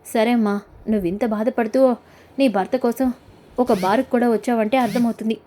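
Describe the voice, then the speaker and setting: Storybook role: an obliging bar worker, read by a woman narrator in a mellow voice. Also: on the high side, steady tone, fairly quick, lightly acted.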